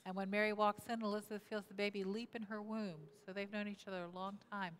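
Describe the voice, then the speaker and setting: A pastor in her sixties, standing at a lectern in an indoor church sanctuary, fires questions at the congregation and repeats their responses. She talks fast in a mid-range voice with fairly even intonation. Her lectern mic and a camera at mid distance capture a reverberant hall.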